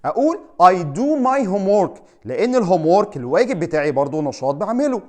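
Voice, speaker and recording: An upbeat Egyptian man teaching an English lesson, with an Egyptian Arabic accent and a fairly high voice. He talks in a chatty, encouraging way, and his voice bounces around an echoey room. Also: very animated, a little fast. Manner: upbeat, chatty teacher who repeats "tamam?". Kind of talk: friendly explainer lesson.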